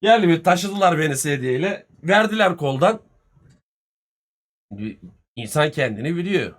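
A man, telling a story casually on a live stream, animated and full of swearing and reported speech. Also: on the high side, measured pace. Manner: profane, animated retelling with much reported speech.

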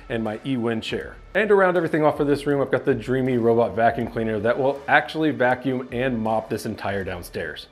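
A tech reviewer in his thirties cheerfully leads a casual tour of the rooms in his basement, addressing the camera as he walks and moves his hands. His voice sits at a medium pitch, picked up by a clip-on lapel microphone.

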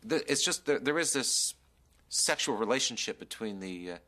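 A man's voice: medium pitch, animated, moderate pace, bright, forceful tone. An actor playing a vain, flustered male news producer who talks in a fussy, pushy way. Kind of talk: scripted comedy series acting.

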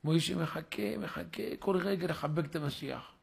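A man's voice: creaky, slightly rough. A man, a rabbi, giving a sermon in a synagogue and telling a story, acting out its dialogue with rising and falling voice. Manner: acts out the story's dialogue with shifting pitch and loudness. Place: synagogue, live stream.

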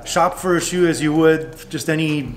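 A man's voice: on the high side, moderate pace, low-quality recording. A young man hosting a casual product interview in a store, guiding and recapping points. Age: young adult. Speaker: host. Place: bowling shoe store, indoors.

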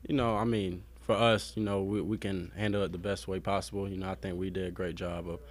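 A young man and college basketball player answering press questions at a desk mic, halting with many fillers and subdued. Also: low-pitched, flat delivery. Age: young adult. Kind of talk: postgame press conference answers. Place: press room with sponsor backdrop, indoors.

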